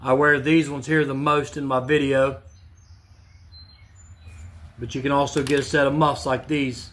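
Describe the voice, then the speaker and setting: A man's voice: medium pitch, measured pace. Plainspoken man in a woodshop. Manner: plainspoken, repeats himself, relaxed restarts. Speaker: woodworking channel host. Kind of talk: casual workshop demonstration. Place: home woodworking shop.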